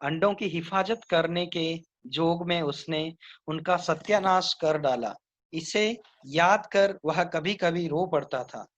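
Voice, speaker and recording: A man's voice: fairly high pitch, slow pace, fairly bright tone. A male school teacher retelling and explaining a textbook story plainly to children.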